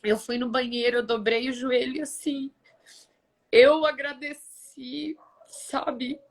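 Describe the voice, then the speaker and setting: A woman's voice: high voice, slow pace. A Brazilian woman in her forties, a podcast guest, telling a personal story with feeling and acting out the dialogue. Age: 40s. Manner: emotional, animated retelling with quoted dialogue.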